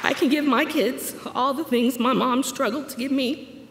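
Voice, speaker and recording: A graduate speaker in her forties, with a high-pitched, steady voice and a moderate pace, gives an earnest and personal commencement speech read from notes, lightened with humor. She speaks into a podium microphone on a large auditorium stage, where the hall echoes with long reverb and the recording is very noisy.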